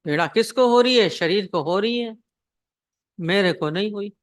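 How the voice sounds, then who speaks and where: A woman's voice: medium pitch, moderate pace, no echo, studio quality. Woman teaching with rhetorical questions. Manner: repetitive rhetorical questions, acts out anecdotes. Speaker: spiritual teacher. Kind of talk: devotional discourse.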